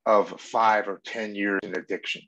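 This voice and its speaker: A man in his forties speaks with a slightly low voice, earnest and reflective. He tells a personal story as a podcast guest, in a heartfelt way. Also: flat delivery, normal speed, a bit bright, muffled recording.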